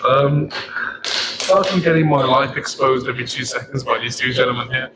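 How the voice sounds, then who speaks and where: A young adult man from Sri Lanka, a chemistry student co-hosting a podcast, chats casually and rambles, laughing often. His medium-pitched voice is steady in tone and brisk, with heavy background noise.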